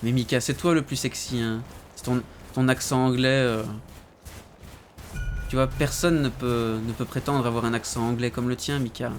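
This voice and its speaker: A man's voice: medium pitch, steady tone, normal speed, a little hiss or hum. Laid-back man streaming a game. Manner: laid-back, slangy, talks to chat by name. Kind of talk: casual gameplay commentary chatting with viewers.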